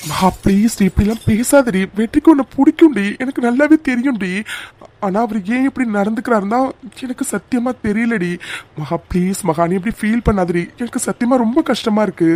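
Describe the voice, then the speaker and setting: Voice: mid-range voice, a little fast, a little mellow, lightly acted. A performer voicing a young man in a cartoon, the caring best friend, pleading and comforting in an insistent way. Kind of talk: cartoon voice acting.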